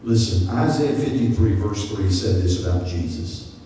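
An older man preaching to his congregation, his voice jumping up high when he acts out what people say. It comes through a roomy church hall with a long echo, caught a little off the mic, with a faint ambient hiss beneath. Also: normal speed, far from the mic. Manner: animated preaching with sudden high-pitched acted quotes, gesturing. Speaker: pastor. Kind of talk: sermon. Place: church sanctuary. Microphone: stand mic at lectern.

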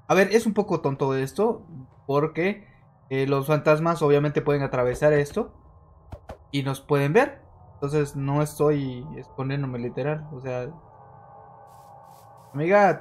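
A man streaming a horror game, chatting to his viewers and getting jumpy and excitable, yelling when scared. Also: on the high side. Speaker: gaming streamer. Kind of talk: let's-play commentary.

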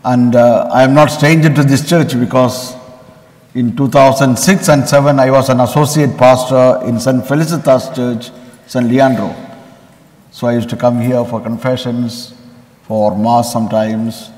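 A man from India, a visiting bishop, giving a Sunday homily in an earnest storytelling manner with pauses. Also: mid-range voice, fairly even intonation, a little mellow. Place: large church. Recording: long church reverb.

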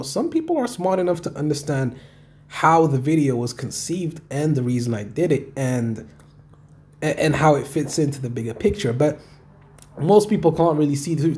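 A man reads and answers viewer comments as a video creator in casual talk, rambling, repetitive and frequently swearing. His voice is on the high side with a dark tone and big pitch swings, at a normal speed.

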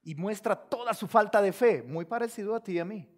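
A man preaching a sermon as a pastor, asking the congregation rhetorical questions and swinging between loud and soft. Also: sits high, fairly quick. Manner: addresses listeners directly, asking rhetorical questions.

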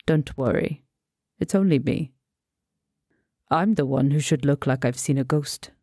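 A suave, wealthy man speaks in a deep, purring Persian accent, as a woman narrating an audiobook puts him on. He stays calm and faintly teasing, never in a hurry. The voice is low with a gravelly edge in a dry, close sound. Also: unhurried, no echo, full character voice. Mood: calm, amused.

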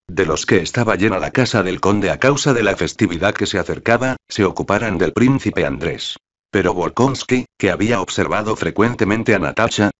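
A man narrating a classic novel as an audiobook, reading in a measured, steady way. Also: low-pitched. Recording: dull lo-fi recording.

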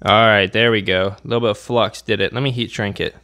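A man's voice: on the low side, fairly even intonation, quick pace, sharp tone. A man hosting a hands-on repair tutorial in a workshop, talking casually while he works. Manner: casual, talks while working with his hands. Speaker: channel host.

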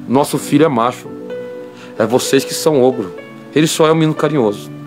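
A man voicing a gentle, protective mother who pleads with her son. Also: mid-range voice, brisk, over music, close to an everyday voice. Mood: tender worry.

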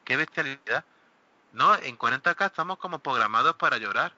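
Bright-voiced man in animated chat. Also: medium pitch, fast talker, no echo. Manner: animated, exclaiming, acts out quoted players. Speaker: host of a miniature wargaming talk show. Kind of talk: casual panel chat. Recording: dull lo-fi recording.

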